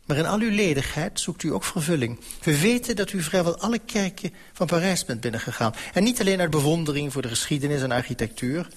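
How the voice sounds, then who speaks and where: A man reading an audiobook voices a persuasive elderly male cardinal who talks smoothly and patiently, quietly domineering. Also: a little high, expressive, quick pace, few pauses.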